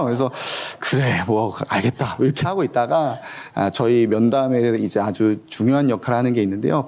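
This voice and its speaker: A man's voice: medium pitch, a little mellow. A man preaching a sermon as an education missionary, telling stories animatedly and acting out the dialogue. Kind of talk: sermon with storytelling.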